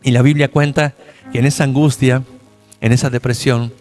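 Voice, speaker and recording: A man's voice: medium pitch, flat delivery, normal speed, darkish tone, soft background music. A male pastor preaching a sermon in a dramatic storytelling manner, often asking his listeners rhetorical questions.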